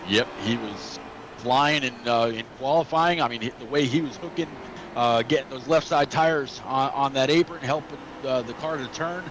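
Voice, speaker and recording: A man doing casual color commentary on a sim race, rambling and halting with lots of "uh"s. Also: medium pitch, a bit bright. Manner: rambling, halting, many "uh"s and restarts. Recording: noticeable background noise.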